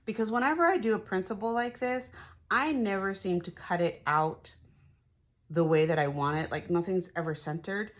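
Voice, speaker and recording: A middle-aged woman with a slightly low voice chats her way through a craft walkthrough. She thinks aloud and fills her pauses with small fillers, in a relaxed, homey way. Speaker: craft vlogger.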